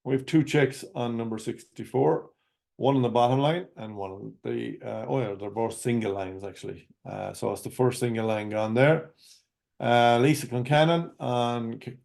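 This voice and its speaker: Mellow Irish man calling bingo. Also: medium pitch, steady tone, creaky. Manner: measured, formulaic bingo caller delivery. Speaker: bingo caller, host of an online bingo game. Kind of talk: bingo calling, numbers read digit by digit then whole.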